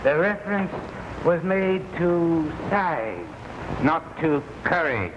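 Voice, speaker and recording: Villain boss: high voice, unhurried formal delivery, scheming; muffled 1950s TV broadcast sound. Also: male voice, big pitch swings. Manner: formal, slow and deliberate. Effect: noisy, dull 1950s TV broadcast recording. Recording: hissy, muffled old TV soundtrack.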